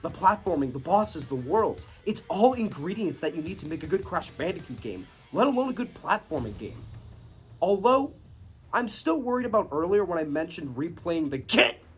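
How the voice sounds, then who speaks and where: Male game reviewer, sarcastic and jokey, animated pitch, scripted voice-over with low music bed. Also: moderate pace, slightly rough. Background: faint background music.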